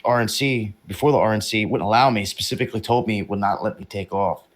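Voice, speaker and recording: A man's voice: fairly low pitch, quick pace. Rambling opinionated male stream host. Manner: rambling, opinionated, swears casually. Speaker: livestream host. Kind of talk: casual live-stream talk.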